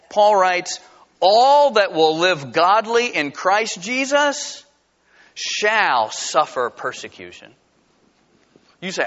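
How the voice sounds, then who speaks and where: A man's voice: a little high, fairly bright tone. A male pastor preaching a sermon in an emphatic, conversational way, on a dull lo-fi recording. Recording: dull lo-fi sound.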